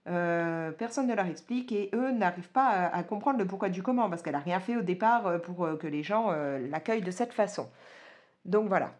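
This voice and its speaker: A young woman with a somewhat low voice talks loosely about a book she just read. She hesitates often, filling gaps with little fillers and restarting her sentences. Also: brisk, a little mellow. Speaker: vlogger. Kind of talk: casual book review chat.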